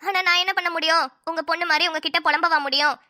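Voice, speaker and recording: A woman's voice: very high voice, steady tone, fast, sharp tone, heavily acted. A woman playing a sarcastic young daughter-in-law. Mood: grumbling. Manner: sarcastic, grumbling asides. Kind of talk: cartoon voice acting.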